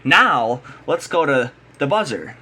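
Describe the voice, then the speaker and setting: A radio signal hobbyist from the United States delivers an unscripted, opinionated explainer in a blunt, combative and emphatic way. His voice is a little high, husky and sharp in tone, and he speaks slowly with a sing-song lilt.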